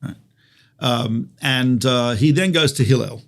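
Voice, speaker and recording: A rabbi with an Australian accent teaches conversationally, using stories and rhetorical questions. He speaks at a measured pace in a medium-pitched voice.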